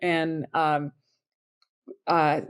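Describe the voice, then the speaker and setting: A woman in her thirties from Sudan speaks in a low, deep register. She talks through her career in an upbeat, chatty interview style, with plenty of ums and restarts. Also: little pitch movement, extremely slow, clear, resonant tone. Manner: upbeat, enthusiastic, frequent fillers. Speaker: startup founder, guest. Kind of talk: conversational interview answers.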